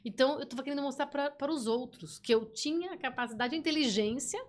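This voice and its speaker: A woman, a guest telling stories in a playful, animated way. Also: high-pitched, fast talker. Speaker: podcast guest. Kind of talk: casual interview chat.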